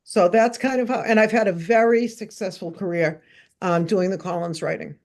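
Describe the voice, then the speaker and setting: Older woman, guest on an interview, from new hampshire, animated anecdotes, mid-pitched voice. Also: normal speed. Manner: lively anecdotal storytelling, acting out quoted voices. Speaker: guest, education consultant. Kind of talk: storytelling in a podcast interview.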